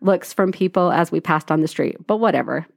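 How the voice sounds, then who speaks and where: A woman's voice: low voice, lively intonation, fairly quick, gravelly, dry recording. A woman co-hosting a podcast, reading a blog aloud to her co-hosts in a dry, wry way, sometimes correcting herself. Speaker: podcast co-host.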